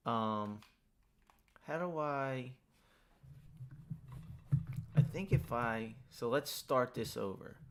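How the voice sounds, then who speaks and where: A man's voice: mid-range voice, a bit bright. A man streaming a game, talking in a rambling, casual way and interrupting himself while eating lunch, without his usual mic. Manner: rambling, self-interrupting, chatty. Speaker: gaming streamer. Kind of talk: casual live-stream chat while playing. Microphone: not using his usual mic.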